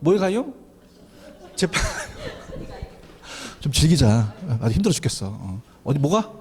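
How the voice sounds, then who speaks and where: A man giving an exam prep lecture, animated, often asking students to repeat after him. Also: medium pitch, slow pace. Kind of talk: classroom lecture.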